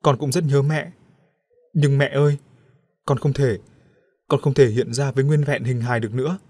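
A man's voice: mid-range voice, steady tone, moderate pace, darkish tone, dry recording, natural voice. A man voicing the ghost of a young woman who speaks faintly and pleadingly in a storybook reading.

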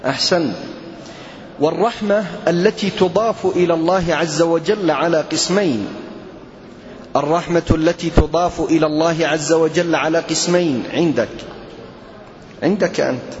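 Male religion teacher, slightly high voice, formal and questioning, lo-fi echoey hall sound. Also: normal speed, long pauses. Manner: quizzing students one by one, formal classical phrasing. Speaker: Islamic teacher. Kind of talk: question-and-answer lesson with students.

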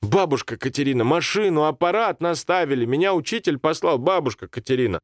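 A man's voice: fairly high pitch, animated, brisk, dry recording, clean studio sound, pitched above the performer's own voice, close to an everyday voice. A man voicing a bold, boastful village boy in a storybook reading, coaxing and swaggering.

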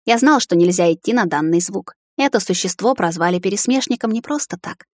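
A woman reading a fantasy audiobook in a steady, measured storytelling manner. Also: medium pitch, dry recording, studio quality. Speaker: audiobook narrator. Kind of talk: scripted audiobook narration.

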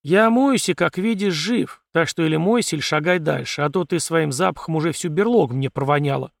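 A man's voice: fairly high pitch, brisk, gravelly, no room sound. A man voicing a wary, practical male survivor who speaks in a dry, bossy, mocking way in an audiobook.

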